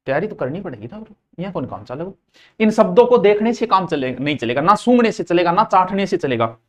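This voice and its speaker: A man's voice: high-pitched, big pitch swings, fairly quick. A man teaching Hindi grammar to a class, drilling words by repeating them again and again and slipping in playful, folksy asides. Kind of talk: classroom lecture.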